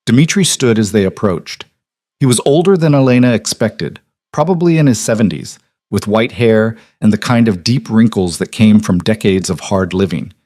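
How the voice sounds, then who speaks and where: A man reading a dramatic story aloud in an even, steady scripted narration. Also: lowish voice, normal speed, dry recording, studio quality.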